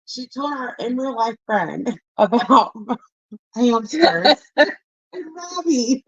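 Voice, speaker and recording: A woman's voice: fairly high pitch, lively intonation, takes it slowly, no room sound. A woman co-hosting a livestream, rambling through casual gossip commentary, laughing often and swearing freely. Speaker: livestream co-host. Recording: dull dry lo-fi stream audio.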